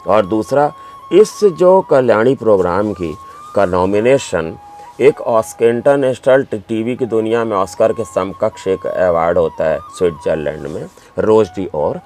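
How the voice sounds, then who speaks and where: A man's voice: lowish voice, lively intonation, unhurried, a little mellow, faint music behind. A man who is a doctor and writer, answering interview questions with emphatic, anecdotal storytelling.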